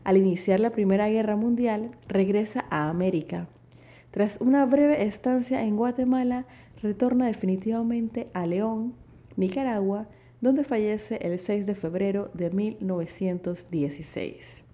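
A woman presenting a poetry podcast as scripted narration, in a formal, measured manner. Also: mid-range voice, warm tone. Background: background music.

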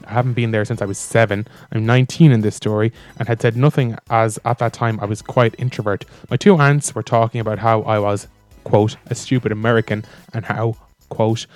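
A man's voice: medium pitch, dry recording. A man co-hosting a casual chat, rambling and full of fillers as he retells and reads stories. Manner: rambling, filler-heavy with lots of "like". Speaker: co-host reading stories.

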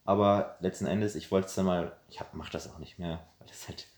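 Young man, crisp standard German, deep voice, halting casual podcast talk, roomy echo. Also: steady tone, a crowd in the background. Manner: hesitant, repeats words. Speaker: podcast co-host. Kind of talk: casual chat. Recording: echoey room, faint hiss.

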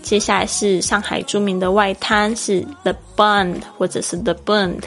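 A woman's voice: medium pitch, level tone, moderate pace, fairly bright tone, faint music behind. A woman from Taiwan with a Taiwanese Mandarin accent, hosting a podcast English lesson in a chatty, explaining way and spelling words out letter by letter. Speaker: English teacher and podcast host.

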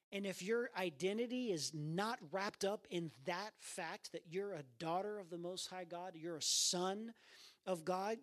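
A man preaching a sermon in a church, earnest and repeating his phrases for emphasis. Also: fairly bright tone. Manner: earnest, repeats phrases, acts out quoted voices in a raised pitch. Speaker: pastor. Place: church sanctuary.

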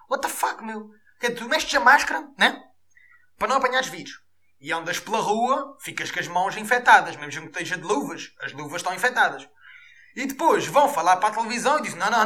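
A man with a European Portuguese accent hosting a podcast, delivering an animated, profane comic rant. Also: sits high. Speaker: podcast host.

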